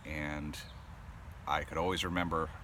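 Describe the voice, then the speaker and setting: Bass-voiced, with little pitch movement, this thirtysomething Rhode Islander speaks at a measured pace in a pushed, bright tone that's otherwise neutral. The pipe-smoking vlogger rambles to camera full of ums and uhs while traffic sounds clearly outside.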